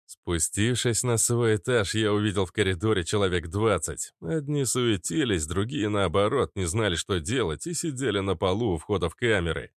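Male audiobook narrator, lowish voice, steady urgent delivery, very dry booth. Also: normal speed, no room sound. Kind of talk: first-person audiobook narration.

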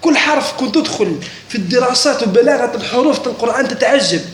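A man's voice: extremely high pitch, animated, quick pace. A man giving a classroom religious lesson, often stopping to ask students if they follow. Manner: keeps checking students understand, asks questions. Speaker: religious teacher. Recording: echoey room with faint noise.

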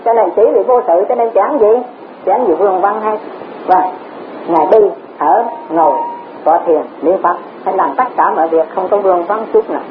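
A woman's voice: mid-range voice, normal speed. A woman giving a Buddhist Dharma talk, repeating words and asking rhetorical questions. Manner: repetitive, rhetorical questions, chuckles often. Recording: tinny lo-fi recording with faint hiss.

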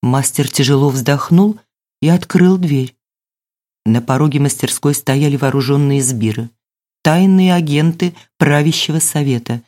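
Woman narrator, low voice, mellow dark tone, measured storybook reading. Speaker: audiobook narrator.

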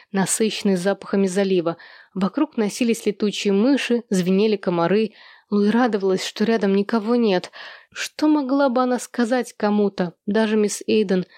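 A woman narrating a novel in a calm, even reading voice at a middle pitch. The recording is dry and close to the mic. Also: dry recording. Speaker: audiobook narrator. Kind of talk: scripted narration.

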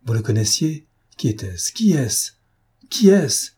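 A male audiobook reader voicing a gentleman thief, pressing with urgent, rising questions. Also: medium pitch, moderate pace, slightly rough, close to an everyday voice. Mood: agitated. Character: gentleman thief, agitated and pleading man. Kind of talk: audiobook character voice.

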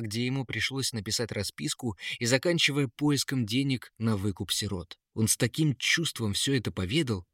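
A man narrating a fairy tale in a measured, expressive way. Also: medium pitch, dry recording, clean studio sound.

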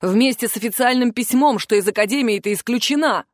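A woman's voice: mid-range voice, normal speed, no room sound, studio quality, natural voice. A woman reading the part of a stern, haughty male curator mage in an audiobook, speaking curtly and commandingly. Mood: angry. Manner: curt, commanding.

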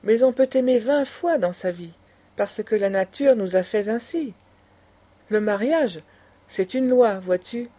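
A woman's voice: on the high side, lively intonation, measured pace, dark tone. A woman voicing an indignant aristocratic old grandmother who lectures with passion. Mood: lecturing. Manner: impassioned, lecturing.

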